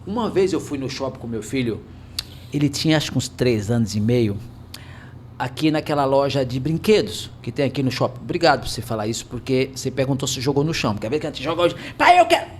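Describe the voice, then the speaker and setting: Fast, emphatic man telling a story. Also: mid-range voice, a little mellow, slight background noise. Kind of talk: casual podcast conversation.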